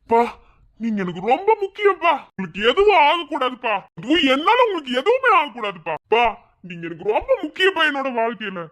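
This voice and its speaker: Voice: sits high, huge pitch swings, fast, fairly bright tone, heavily acted. A performer doing a drunk rambling Madurai lad. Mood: maudlin. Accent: Madurai Tamil. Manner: rambling, repeats himself, tacks "pa" onto lines. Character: drunk young man, emotional and rambling. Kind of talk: cartoon voice acting.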